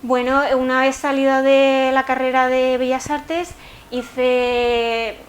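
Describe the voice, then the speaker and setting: Hesitant young woman artist, slightly high. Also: little pitch movement, slow. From Spain. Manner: hesitant, with many fillers. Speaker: artist guest. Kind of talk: interview answers.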